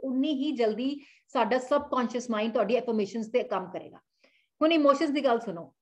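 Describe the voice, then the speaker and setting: A woman with a Punjabi accent teaching a self-help lesson in an earnest way, repeating her points and often pausing with "uh". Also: high-pitched. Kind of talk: instructional talk mixing Punjabi and English.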